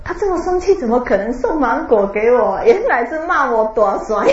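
A woman giving a Buddhist dharma talk, telling a Zen story with drawn-out particles and laughter. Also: a little high, sing-song, slight background noise. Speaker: Buddhist teacher. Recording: roomy, dull lo-fi recording.

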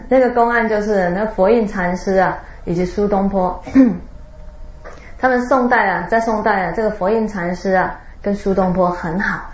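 A woman giving a Buddhist dharma talk, telling a Zen story with drawn-out particles and laughter. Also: mid-range voice. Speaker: Buddhist teacher. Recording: roomy, dull lo-fi recording.

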